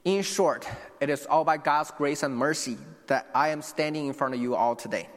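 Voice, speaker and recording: Speaking directly to the congregation, this young man from China delivers his sermon with earnest conviction, breaking off to restart and adding asides along the way. He talks at a moderate pace in a slightly high voice, with a long reverb tail trailing each phrase.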